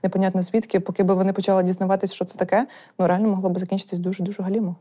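A young woman talks as a guest in a candid chat, words tumbling out at great speed. Her tone is mellow and soft-edged, and she tells her stories in a lively, chatty way. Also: mid-range voice. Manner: rapid, chatty, animated storytelling.

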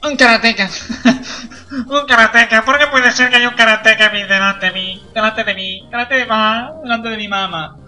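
A man's voice: high-pitched, steady tone, moderate pace, pushed and bright. A young man, commenting on a video game in a joking, cursing way. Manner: jokey, swears a lot, laughs at own jokes. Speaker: gameplay commentator. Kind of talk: casual let's play commentary.

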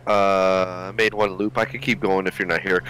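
Bright-voiced chatty gamer friend. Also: male voice, low-pitched, level tone, normal speed, slight background noise, low-quality recording. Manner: chatty, suggesting ideas. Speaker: friend co-playing on stream. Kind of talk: casual gaming chat.

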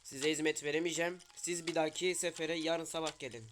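A man playing a shop game and commenting casually, talking to the customers on screen and sometimes shouting in mock outrage. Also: on the high side, steady tone, brisk, a little hiss or hum. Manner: talks to game characters, loud sudden outbursts. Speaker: gaming streamer.

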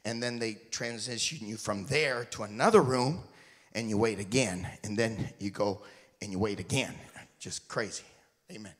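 In a reverberant church sanctuary, a missionary preacher with a lowish voice tells his congregation a folksy, joking story during his sermon. He speaks at a moderate pace.

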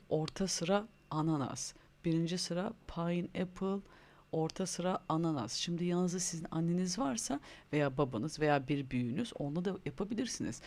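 A man with a gravelly, fry-edged voice leads young children through new English words. He speaks with a Turkish accent, pitched a little high, and keeps cheering them on to say each word back to him. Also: a little mellow. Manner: encouraging, prompting children to repeat words. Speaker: primary school English teacher. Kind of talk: online lesson for young children.

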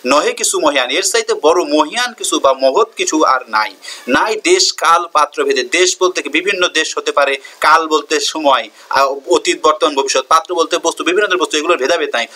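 A man's voice: fairly high pitch, bright, forceful tone. A man teaching a poem line by line. He reads each verse, then asks and answers his own questions to explain it.

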